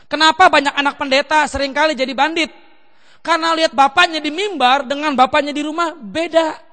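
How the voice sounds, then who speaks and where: A man pastor preaching a seminar sermon in a lively way, acting out children and parents in quick little voices. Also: very high-pitched, big-room sound.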